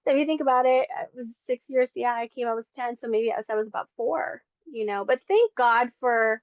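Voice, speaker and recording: Her voice sits on the high side and moves fairly quickly, captured in a dry recording with narrow, tinny sound. She is a woman in her forties from the Philippines, a podcast guest at home in Las Vegas telling her faith story. She talks earnestly and chattily, using lots of fillers.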